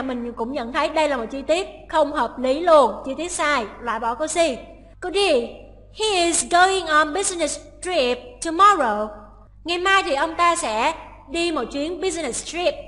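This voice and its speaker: A woman's voice: high voice, expressive, a little slow, sharp tone, in a large hall. A woman teaching English exam preparation, explaining answers step by step and reading English lines aloud. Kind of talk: exam-prep lesson.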